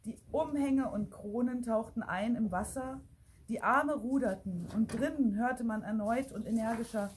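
A woman with a somewhat high voice narrates a fairy tale aloud, bringing the scenes to life with lively, expressive pacing. Her reading sounds like a storyteller sharing a tale with listeners. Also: normal speed, a little hiss or hum. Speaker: audiobook reader.

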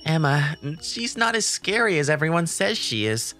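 Over background music, a woman with a low-pitched, slightly bright voice and wide pitch swings speaks at a moderate pace. In a manga comic dub she voices a timid, kindhearted teenage boy narrating his story wistfully, stammering whenever he gets flustered.

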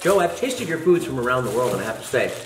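A man's voice: mid-range voice, very animated, fast. A middle-aged man guest in a casual snack-tasting chat, dry and teasing. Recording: echoey room with music behind.

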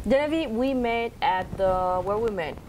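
A woman's voice: a little high, animated, normal speed, a little mellow, slight background noise. A middle-aged woman hosting an interview in a TV studio, asking questions in a curious, chatty way. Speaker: host. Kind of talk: interview chat. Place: TV studio set.

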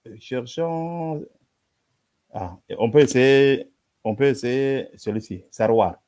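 A man's voice: medium pitch, slow, darkish tone. A man hosting a polemical commentary, reading out verses and rebutting them in an emphatic, repetitive way with dismissive asides.

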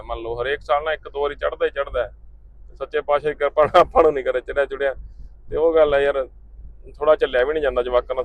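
A man's voice: mid-range voice, narrow, tinny audio. A man, chatting casually to his viewers in a travel vlog. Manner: chatty, addresses viewers as friends. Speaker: vlogger. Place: in a car and around town.

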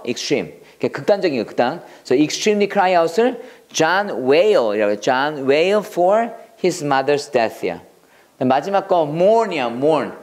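Man in his fifties, somewhat high voice, vocabulary teacher, dramatic outbursts and repeated drills. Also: darkish tone. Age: 50s. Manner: acts out wailing and sighing in sudden dramatic bursts; repeats words over and over with wordplay mnemonics. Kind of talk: animated Korean vocabulary lecture.

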